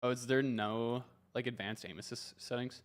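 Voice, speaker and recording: A man's voice: mid-range voice, steady tone, normal speed. A man streaming a game, chatting casually and rambling with lots of filler words. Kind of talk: casual gaming commentary. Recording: game gunfire in the background. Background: game gunfire.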